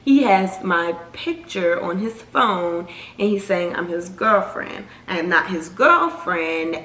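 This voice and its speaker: A young woman vlogger telling a story in a casual, animated, slangy way. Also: lowish voice, slight background noise. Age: young adult. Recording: roomy echo.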